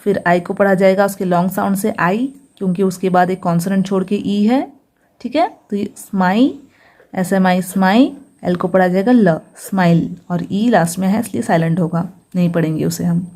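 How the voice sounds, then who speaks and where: A woman teaches English reading step by step, breaking each word into slow, careful sounds before putting it together. Her voice is mellow and warm, at an ordinary middle pitch for a woman, and she checks in with her listeners again and again. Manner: patient, sounds out each syllable slowly, says "ठीक है" often. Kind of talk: step-by-step phonics lesson.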